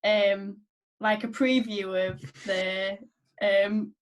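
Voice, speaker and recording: A woman of twenty-one from England, a guest on a podcast, chatting in a relaxed, modest way and laughing often. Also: mid-range voice, extremely slow. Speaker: guest weightlifter. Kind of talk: casual podcast chat.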